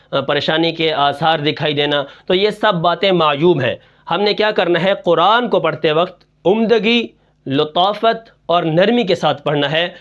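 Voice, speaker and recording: A man teaching Quran recitation rules. He asks his students questions and answers them himself, dropping low on each answer. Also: fairly bright tone, highs cut off. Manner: breaks into slow, drawn-out Quran recitation to demonstrate. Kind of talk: tajweed lesson in Urdu.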